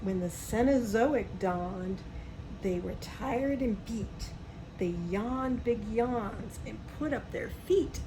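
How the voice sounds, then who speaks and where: A woman reads a picture book aloud to young children at a slow pace, her voice fairly high, adding chatty comments, simple explanations and questions to the listener. The background is distinctly noisy.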